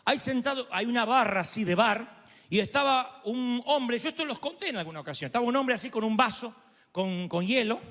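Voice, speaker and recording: Argentine pastor guy, kinda high voice, acts out all the quotes, jokey and theatrical. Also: a little fast. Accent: Argentine Spanish. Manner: animated and theatrical, acting out quotes and joking. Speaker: preacher. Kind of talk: storytelling sermon. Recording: long hall reverb.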